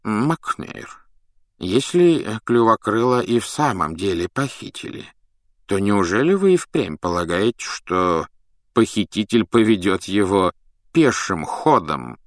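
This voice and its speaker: A calm old headmaster wizard with a gently mocking, courteous manner, as a male reader puts him on. His low voice rises and falls very widely at a slow, unhurried pace. It is recorded dry and close. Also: gravelly, no room sound, full character voice. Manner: wry, courteous.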